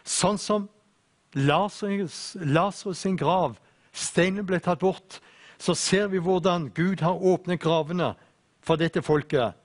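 A man preaching a sermon, earnestly quoting scripture with slow, weighty emphasis. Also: high voice.

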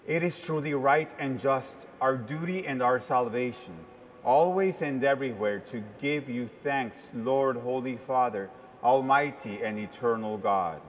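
Sex: man. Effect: cathedral echo. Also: medium pitch. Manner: measured, solemn prayer delivery. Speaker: priest celebrating Mass. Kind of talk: reciting liturgical prayers. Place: large church. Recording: long church reverb, faint ambient noise.

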